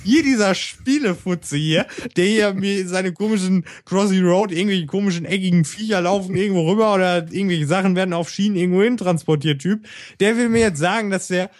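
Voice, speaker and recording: A man with a fairly high voice chats on a casual podcast with a teasing, sarcastic edge. He talks animatedly and mocks his co-host in good humor. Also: fairly quick, no echo, studio quality. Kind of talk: casual chat.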